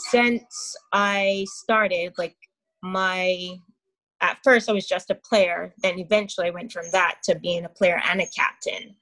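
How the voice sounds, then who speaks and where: A Barbadian woman in her forties talks in a relaxed, chatty way, laughing often between answers. Her pitch sits in an ordinary middle range for a woman. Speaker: interview guest, hockey player. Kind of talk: casual interview chat.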